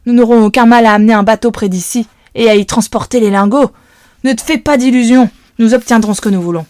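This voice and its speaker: A woman voicing a gruff, threatening grown man who holds children captive, menacing and domineering. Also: fairly high pitch, fast, a little mellow, no echo, clean studio sound, close to an everyday voice. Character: gruff threatening adult male kidnapper.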